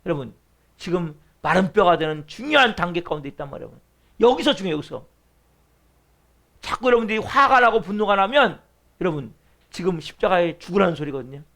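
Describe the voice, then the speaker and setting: A pastor delivers an earnest sermon in a church, constantly turning to the congregation with rhetorical questions. His voice sits high for a man and carries a gravelly rasp. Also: big pitch swings, fast, pauses often, pushed and bright. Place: church sanctuary.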